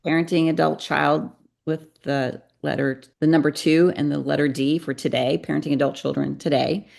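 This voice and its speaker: A middle-aged woman with a deep, gravelly voice, speaking as a podcast guest. She talks earnestly and confessionally and acts out snatches of dialogue as she tells her story. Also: steady tone, normal speed, darkish tone. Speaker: guest, psychotherapist and parenting coach.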